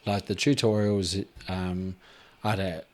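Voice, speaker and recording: Aussie bloke in his 30s, real low voice, easygoing rambly podcast chat. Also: measured pace. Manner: relaxed, rambling, many fillers. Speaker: podcast host. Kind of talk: casual chat.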